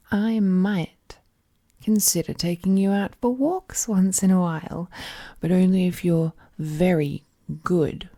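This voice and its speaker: In an intimate audio drama, a woman plays a ruthless, possessive, all-powerful being, her lowish, dark-toned voice full of languid, condescending affection. She often slips into a breathy whisper, and her mood is coaxing and condescending.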